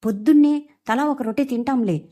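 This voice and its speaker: A sharp-tongued older mother snapping at her son, put on by a woman narrating a TV serial. The voice is pitched high and warm in tone. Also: fairly quick. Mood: scolding. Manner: scolding.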